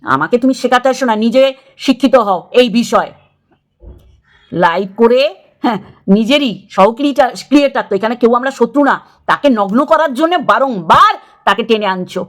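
A middle-aged woman delivers a confrontational video rant to camera. Her voice sits a little high. She scolds and lectures, hammering the same lines again and again. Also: expressive, a little fast. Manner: scolding, confrontational, repeats phrases. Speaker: YouTube creator.

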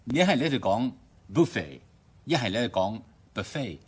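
A man with a Hong Kong Cantonese accent teaching English pronunciation on radio, explaining step by step and slowly modeling English words. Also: medium pitch, expressive, slightly rough. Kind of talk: radio language lesson. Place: radio studio.

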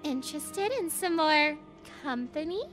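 Tiny gnome girl, squeaky, very high and bouncy, excitable. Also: normal speed, soft background music, full character voice. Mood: excited. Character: tiny playful female gnome, bubbly.

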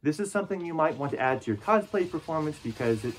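A man's voice: fairly high pitch, animated, fast, a little hiss or hum. A man speaking from inside a costume head, patiently explaining movement technique in an encouraging tutorial style. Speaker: parkour instructor in a fursuit. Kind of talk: instructional tutorial.

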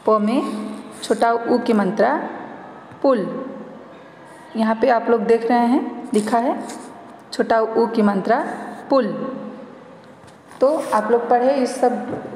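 A woman with a somewhat high voice teaches young children in an online class. She goes slowly and patiently, sounding out every syllable and repeating words. Her voice rings in a roomy space with a long reverb tail. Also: a little mellow, slight background noise. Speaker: primary school teacher.

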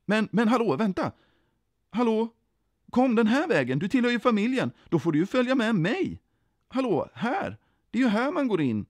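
A man's voice: high voice, wildly swooping pitch, few pauses, darkish tone, no echo, studio quality, voice pushed up, exaggerated voice. A man voicing a cheerful, welcoming Jesus in a children's story, speaking eagerly and invitingly.

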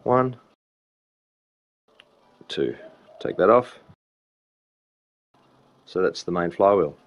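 A repair hobbyist walks through changing a belt, explaining each step informally as he works hands-on. His voice sits low and is expressive, his pace very slow, and the recording has its highs cut off.

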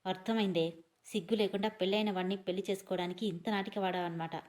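A woman's voice: mid-range voice, fairly even intonation, quick pace, darkish tone, close to an everyday voice. Female reader doing a teasing young man, mocking, dry humor, storybook.

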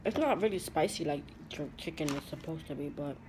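A woman's voice: deep voice, a little fast. Young woman chatting with her mouth full, phone mic, faint hiss behind. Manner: relaxed, chatty, talks while eating. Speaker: vlogger. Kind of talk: casual mukbang chat.

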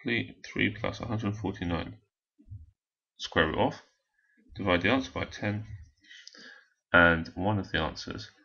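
A low, gravelly man teaches a maths problem step by step, his voice hoarse and husky. He talks while working things out on a calculator. The recording sounds dull and lo-fi. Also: slow pace, long pauses, bright, forceful tone. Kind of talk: recorded maths lesson walkthrough.

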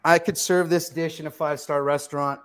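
A man's voice: on the high side, steady tone, brisk, fairly bright tone, smooth. A middle-aged male chef giving a live cooking demonstration in a home kitchen studio, talking emphatically and answering his own questions.

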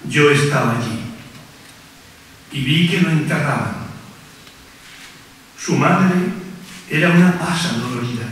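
Slow, declamatory older Spanish man in echoing hall. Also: medium pitch, a little hiss or hum. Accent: Spanish from Spain. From Spain. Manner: declamatory, measured phrases with dramatic pauses. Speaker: festival proclamation speaker (pregonero). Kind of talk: solemn poetic recitation of a religious proclamation. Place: on stage in a large theatre. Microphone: podium microphone, recorded from far off. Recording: distant, echoing theatre hall with long reverb.

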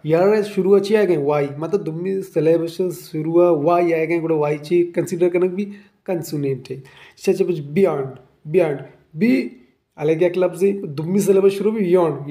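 A man with a Balochi accent lectures on English grammar, working through the rules one at a time and regularly checking that his students follow. His voice sits a little high but sounds mellow and relaxed. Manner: explains step by step, often checking "understood?".

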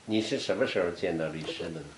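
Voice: sits low, quick pace. An interviewer asking brief, probing questions. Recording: echoey room with noise.

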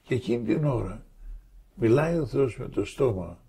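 An older man tells his faith testimony in a gravelly, husky voice with a dark, mellow tone. He brings his story to life by acting out the dialogue of the people in it with shifting voices. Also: mid-range voice, animated. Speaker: guest giving a faith testimony.

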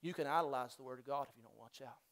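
A male pastor preaching a sermon in a church, swinging from loud, fervent exhortation down to quiet, near-whispered intensity, with repeated calls to the congregation. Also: medium pitch, racing. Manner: repetitive call-and-response exhortation. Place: church sanctuary.

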